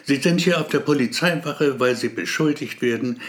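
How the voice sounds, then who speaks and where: A man voicing a gruff, blunt male police officer who barks orders. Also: medium pitch, normal speed, close to an everyday voice. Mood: stern.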